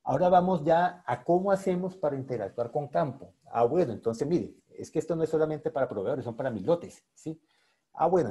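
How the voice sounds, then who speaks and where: Speaking directly to his viewers, a Colombian-accented lecturer gives an online technical presentation full of enthusiasm. He has a warm voice of medium pitch.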